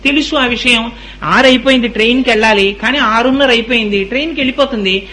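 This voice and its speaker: A man's voice: extremely high pitch, fast talker, pushed and bright. A man giving a devotional sermon, telling stories to his listeners and breaking into chanted verses. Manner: storytelling, addresses listeners directly, breaks into sung verse. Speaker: religious discourse speaker.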